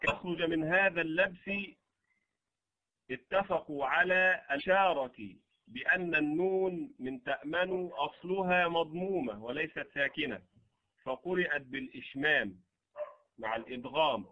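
Male recitation teacher, measured explanatory delivery with chanted examples, muffled low-fi sound. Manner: slow, careful explanation with recited Quranic verse examples. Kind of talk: tajweed lesson with recited examples.

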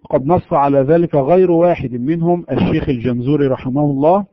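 A man teaching Quran recitation rules, explaining and slowly demonstrating letter sounds in a measured way. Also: a little high, no room sound, highs cut off. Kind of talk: tajweed lesson.

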